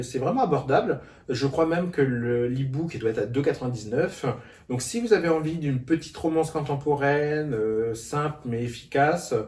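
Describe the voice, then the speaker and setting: A man's voice: mid-range voice, darkish tone. A hesitant man talks casually about books, stopping often to restart his sentences. He sits a little back from the mic, and the room gives his voice an echo. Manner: hesitant, many fillers and restarts. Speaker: book vlogger. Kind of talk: casual book haul vlog. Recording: roomy echo, a bit far from the mic.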